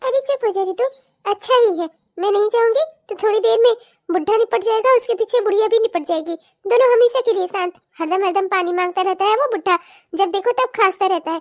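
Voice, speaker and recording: Woman as rude lazy young daughter-in-law, very high, sneering and quick. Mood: dismissive. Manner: sneering, shouting back. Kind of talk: cartoon voice acting.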